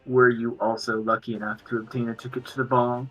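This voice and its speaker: A man's voice: medium pitch, level tone, fairly quick, fairly bright tone, dull audio, faint music behind, lightly acted. A man voicing a courteous, genteel adventurer in a tabletop game, with a polite, understated way of talking.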